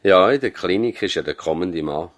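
In a 1970s radio play, an actor with a Swiss German accent plays a dignified, idealistic family doctor, solemn and deliberate. His voice is low and male with lively intonation, and the mood comes across as curious and brisk.

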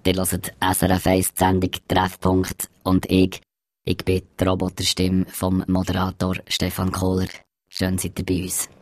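A man doing a low, flat robot voice. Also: normal speed, no room sound. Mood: mechanical. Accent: Swiss German. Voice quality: monotone. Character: robot double of a male radio host. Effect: flat, droning robot voice. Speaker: radio host.

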